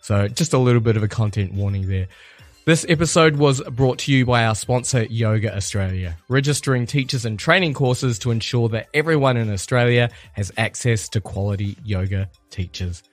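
Croaky man hosting a podcast. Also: medium pitch, moderate pace, no room sound, soft background music. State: slight cold, croaky. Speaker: podcast host. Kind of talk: podcast intro and interview.

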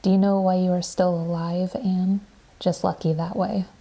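A woman's voice: on the low side, flat delivery, moderate pace, warm tone. A woman voicing a mischievous young woman who teases and coaxes a prisoner. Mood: coaxing.

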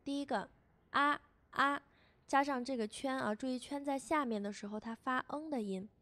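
A woman teacher narrates a beginner lesson with a somewhat high voice. She repeats each syllable slowly and patiently so learners can follow. The recording is dry and close, with no room sound. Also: no echo. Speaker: language teacher. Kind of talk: scripted lesson voice-over.

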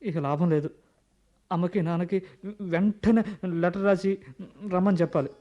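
Radio play: man as a fretful young schoolmaster, high and whiny, self-pitying, lo-fi sound. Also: normal speed, lightly acted. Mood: whining. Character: panicky young male village schoolmaster.

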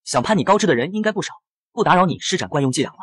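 A man's voice: on the high side, animated, racing, fairly bright tone, husky, dry recording, clean studio sound. Man voicing a cold, proud young star. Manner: cool, sarcastic, curt.

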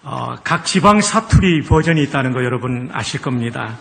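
A male pastor from Chungcheong, Korea, giving light-hearted sermon talk in a plain, measured way. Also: mid-range voice, expressive, gravelly, big-room sound.

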